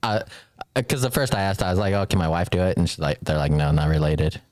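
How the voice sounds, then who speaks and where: A man's voice: sits low, animated, quick pace, a little mellow, dry recording, clean studio sound. A married man telling a story in casual chat, laid-back and laughing as he goes. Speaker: podcast co-host. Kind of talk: casual chat among friends.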